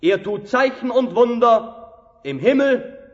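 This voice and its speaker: A royal herald declaims solemnly and slowly at a very high pitch. Long reverb trails the radio play voice. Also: male voice, expressive, highs cut off, heavily acted. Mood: solemn, exalted. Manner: declamatory, calling out.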